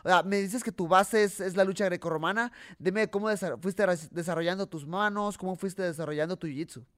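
High-voiced Mexican man hosting a chat. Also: a little fast, fairly bright tone, dry recording, studio quality. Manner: friendly, chatty, frequent fillers. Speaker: podcast host and fighter. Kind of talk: casual interview chat.

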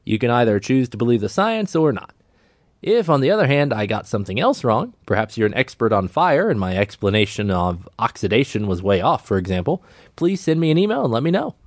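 A man hosts a science podcast and answers listener mail in a calm, explanatory way. His pitch moves up and down a lot as he talks. The recording is dry and close, with almost no room sound. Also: a little fast, dry recording. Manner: explains calmly and clearly. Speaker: podcast host.

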